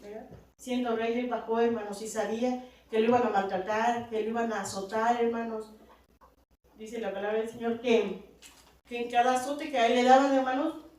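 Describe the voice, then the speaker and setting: A woman preaches to her congregation with a somewhat high voice, turning to her listeners again and again and building to emphatic peaks. The church hall is very echoey, and she sounds distant from the microphone. A faint noise sits under the recording. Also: steady tone, normal speed, a little mellow. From Latin America. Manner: repeats "hermanos" and "verdad" constantly, rising to emphatic peaks. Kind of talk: sermon.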